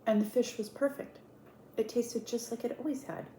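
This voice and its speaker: A woman's voice: fairly high pitch, steady tone, moderate pace, warm tone. Woman, casual storyteller, emphatic retelling with quoted dialogue, echoey room, faint background noise. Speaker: online storyteller in an eat-with-me video. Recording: roomy echo with clear background noise.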